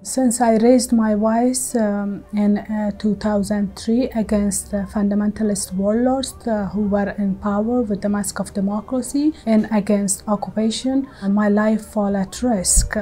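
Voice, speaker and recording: A woman in her forties with an Afghan accent, speaking as an activist in an interview, earnest and halting with frequent fillers. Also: mid-range voice, steady tone, mellow, low-quality recording. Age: 40s. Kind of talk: interview testimony. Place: bright indoor room with plants.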